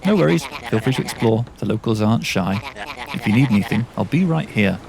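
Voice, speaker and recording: A man's voice: medium pitch, expressive, a little fast, creaky, a crowd in the background, poor audio. A man reading a friendly islander greeting a visitor at a harbour in a game, in his plain voice with no accent. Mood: welcoming.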